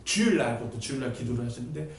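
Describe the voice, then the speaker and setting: A man pastor preaching a sermon in a church, telling the story with animated delivery and sudden shouts. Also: mid-range voice, very fast, creaky, slight background noise. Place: church sanctuary. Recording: echoey church hall, distant mic.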